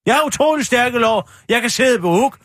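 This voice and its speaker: Guy with a high bouncy voice, snarky, keeps butting in. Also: lively intonation, fairly bright tone, no room sound, studio quality. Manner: sarcastic, theatrical, keeps interrupting. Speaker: comedy podcast co-host. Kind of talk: casual comedy banter.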